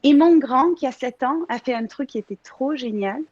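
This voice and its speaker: A woman's voice: high voice, normal speed, a little mellow, no room sound. A woman in her thirties with a Marseille accent, chatting casually and hesitantly, with many fillers and restarts. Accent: Marseille French. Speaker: guest contributor. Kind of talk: casual chat. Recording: dull lo-fi audio.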